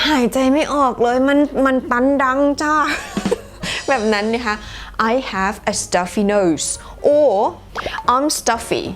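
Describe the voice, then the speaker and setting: Young woman teaching english, says every phrase slowly twice, laughs a lot, soft music in the back. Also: medium pitch. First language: Thai. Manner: slow, careful model sentences, repeated twice, with frequent giggles. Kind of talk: casual English lesson in Thai.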